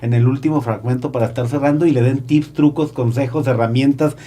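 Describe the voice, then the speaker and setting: Mellow-voiced man hosting a podcast. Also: mid-range voice, fairly even intonation, a little fast. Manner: playful, slangy, provocative. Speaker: podcast host. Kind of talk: casual podcast interview.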